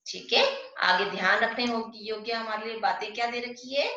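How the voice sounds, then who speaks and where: A woman teaching an online Hindi class to young pupils. She explains step by step, asks questions and answers them herself, and slows down to stress the sounds of example words. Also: fairly high pitch, pushed and bright. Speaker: primary school Hindi teacher. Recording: echoey, dull lo-fi room sound.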